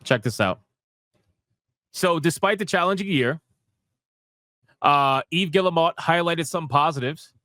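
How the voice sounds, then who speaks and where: On a gaming news livestream, the host's voice sits on the high side and sounds fairly bright, recorded at studio quality with no room sound. He's sarcastic and mocking, swearing and using slang casually, emphatic and repeating phrases for effect.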